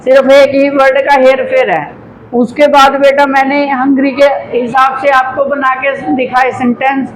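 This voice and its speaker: A man's voice: very high voice, flat delivery, normal speed, a little hiss or hum, poor audio. A man teaching English grammar to a classroom of students in Hindi with a Haryanvi accent, coaching them patiently and calling them "beta". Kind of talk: classroom lesson.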